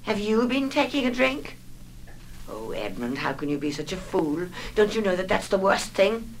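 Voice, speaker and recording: A woman's voice: medium pitch, sing-song, moderate pace, slight background noise, poor audio. An anxious, rambling mother. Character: nervous, fragile middle-aged mother. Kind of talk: 1960s film acting.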